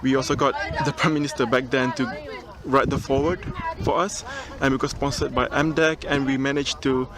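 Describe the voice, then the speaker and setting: A young man recording a casual video cover letter outdoors on a mountain top, relaxed and chatty, with frequent ums and restarts. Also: mid-range voice, brisk, hardly any pauses, a crowd in the background. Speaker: job applicant. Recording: outdoor recording with clear background noise.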